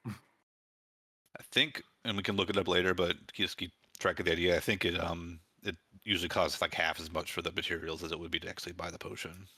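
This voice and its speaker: Game master role: a man with a low, bright voice, halting and easygoing narration, dry close sound. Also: no room sound. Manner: relaxed, halting narration with restarts. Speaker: dungeon master.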